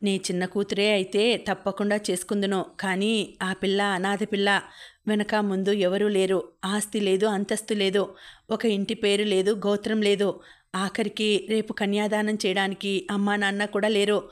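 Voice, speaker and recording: A woman's voice: mid-range voice, little pitch movement, normal speed, natural voice. A woman reading as a scornful older father. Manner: scornful, dismissive.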